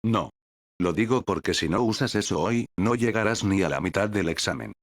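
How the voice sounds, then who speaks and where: A man's voice: fairly low pitch, normal speed, no echo, clean studio sound. A man voicing an impatient, blunt old male hero mentor. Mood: gruff.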